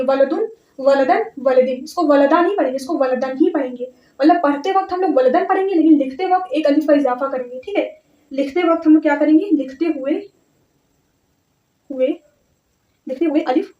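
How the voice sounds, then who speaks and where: High-voiced woman teaching in an echoey room. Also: warm tone. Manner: patient, repeats words and checks in often. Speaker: Arabic grammar teacher. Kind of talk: step-by-step classroom lesson. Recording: echoey, distant, slightly dull audio.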